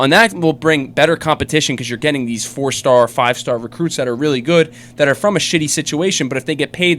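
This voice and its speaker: A man co-hosting a sports podcast, chatting casually and giving strong opinions with lots of fillers. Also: a little high. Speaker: podcast co-host.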